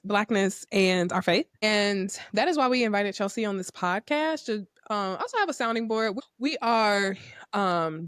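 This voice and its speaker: A woman hosting a podcast, introducing segments in a measured way. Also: medium pitch, no room sound, clean studio sound. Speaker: podcast host.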